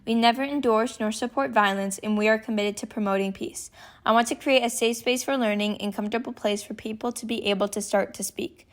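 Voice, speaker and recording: A woman's voice: on the high side, fairly even intonation, a little fast. Sixteen-year-old girl hosting an interview. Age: teens. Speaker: host. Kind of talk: scripted intro and interview questions.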